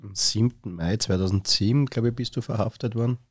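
A man's voice: on the low side, a little fast, slightly rough. A man, the interviewer, prompting his guest with familiar, casual questions.

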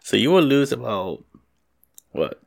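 A man's voice: medium pitch, big pitch swings, measured pace, vocal fry. A man co-hosting a podcast in casual chat, teasing and swearing freely. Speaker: podcast co-host.

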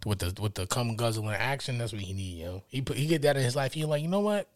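A tipsy man co-hosting a casual adult podcast, loud and profane, laughing a lot and acting out quoted people. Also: medium pitch, fast talker, dry recording, studio quality. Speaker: podcast co-host.

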